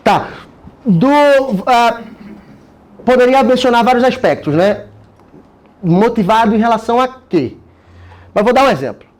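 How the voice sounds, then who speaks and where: With a very high-pitched voice and lively intonation, a Brazilian man speaks unhurriedly, pausing often, as he casually and energetically explains his self-preparation method as a course participant. His Brazilian Portuguese accent comes with frequent tag questions and slang.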